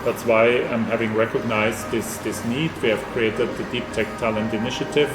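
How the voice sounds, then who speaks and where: A man giving formal interview answers as an institute director, measured and full of ums and restarts. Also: medium pitch, reverberant, background noise. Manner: measured, flat delivery with frequent ums and restarts.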